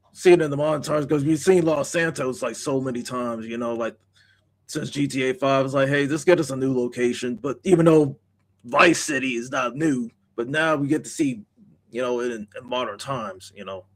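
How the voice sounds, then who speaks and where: A man co-hosting a gaming podcast, talking casually and haltingly, searching for words with lots of "like". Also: medium pitch. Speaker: podcast co-host.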